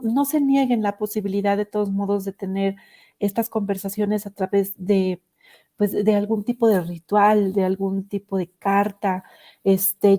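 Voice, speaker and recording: A woman hosting a live stream, reflecting gently and reading viewer comments with frequent "este" fillers. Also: medium pitch.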